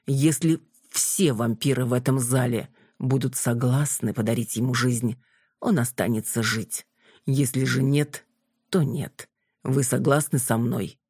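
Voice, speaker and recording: Reader doing a vampire queen, lowish husky voice, slow and commanding, dry close sound. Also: fairly even intonation, a little mellow, no echo. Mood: imperious. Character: cold, mocking female vampire queen. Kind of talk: audiobook character voice.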